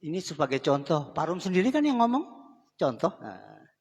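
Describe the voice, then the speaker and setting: A man delivers a chatty, conversational sermon, sometimes breaking off into asides and personal stories. His voice sits fairly high for a man. The live church sanctuary gives a long, ringing reverb. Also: huge pitch swings, normal speed, a little mellow, breathy edge. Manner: conversational preaching, often addressing the congregation as saudara. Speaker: pastor. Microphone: live microphone.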